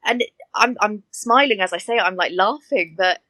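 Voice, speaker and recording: A woman who works as an air hostess, telling stories in a chatty, animated way with laughing asides. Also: mid-range voice, moderate pace, no echo. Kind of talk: casual interview chat.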